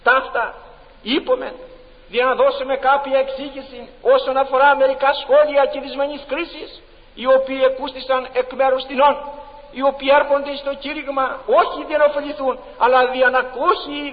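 A male preacher with a very high voice delivers an impassioned, emphatic sermon full of rhetorical questions. The recording is dull and lo-fi, with long reverb from a large church hall. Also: flat delivery.

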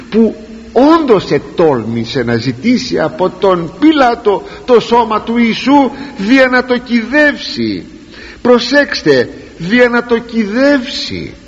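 Animated preacher in an echoing church. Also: male voice, breathy edge. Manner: animated, rising to emphatic peaks and dropping low. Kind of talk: sermon. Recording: dull lo-fi recording with long hall reverb.

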